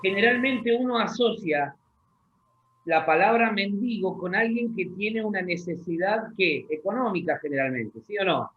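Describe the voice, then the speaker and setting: High-voiced pastor preaching. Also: male voice, animated, dull audio. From Argentina. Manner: slow, deliberate scripture reading with pauses; asks the congregation questions. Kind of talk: sermon. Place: church hall.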